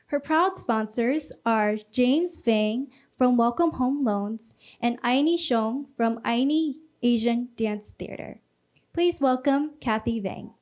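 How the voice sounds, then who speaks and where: Female event MC, higher register, scripted announcing. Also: slow pace, darkish tone. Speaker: pageant MC.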